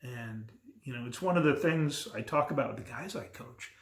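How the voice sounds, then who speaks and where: A man's voice: mid-range voice, lively intonation, moderate pace, a bit bright. Blunt middle-aged man in an echoey room. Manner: candid and blunt, with frequent restarts. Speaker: men's coach and vlogger. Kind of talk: casual reflective monologue to camera. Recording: roomy echo.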